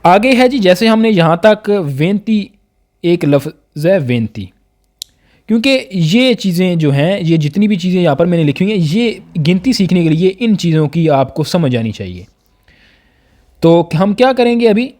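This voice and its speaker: Male teacher, slightly high voice, slow deliberate drilling, patient. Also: darkish tone. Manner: patient, drills each word slowly twice. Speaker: language teacher. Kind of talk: slow classroom lesson, repeating words.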